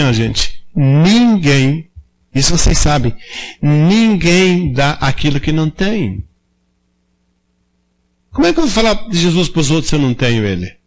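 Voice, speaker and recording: Animated preacher with lively pitch. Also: male voice, low-quality recording. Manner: animated, acts out quoted voices, asks the congregation questions. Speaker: lay preacher. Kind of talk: informal sermon storytelling. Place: church prayer meeting.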